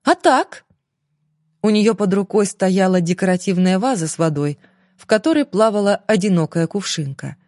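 A woman narrates an audiobook with an expressive, dramatic delivery. Her voice sits at a middling pitch. The recording is dry and close, with no room sound. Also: fairly quick, dry recording. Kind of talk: scripted narration.

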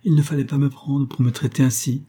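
A man's voice: mid-range voice, flat delivery, moderate pace, a little mellow, husky. A man reading an audiobook, voicing a desperate older woman who pleads with her lover and reproaches him plaintively. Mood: pleading, wounded. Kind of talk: audiobook character voice.

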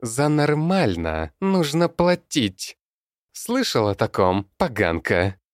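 A man voicing a cruel male goblin master with a high, screechy voice and mocking, broken speech, in an audiobook. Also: very animated, takes it slowly, no room sound, clean studio sound. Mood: menacing. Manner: mocking, broken grammar, yelling.

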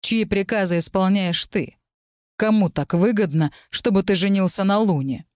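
A woman voicing a young male necromancer who speaks low, restrained and cutting. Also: normal speed, darkish tone, no echo, clean studio sound, lightly acted. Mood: restrained, cold. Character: tense young male necromancer, cool and defiant.

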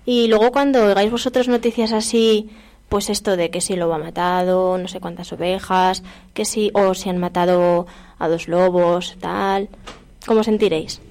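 A woman's voice: fairly low pitch, steady tone, moderate pace, darkish tone. A woman hosting a local radio program, chatting casually and prompting her co-hosts with questions. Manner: prompting, asks guests questions. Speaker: radio host.

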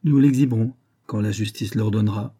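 A man voicing a composed medieval priest-judge, pleading in court with calm assurance. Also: lowish voice, brisk, husky.

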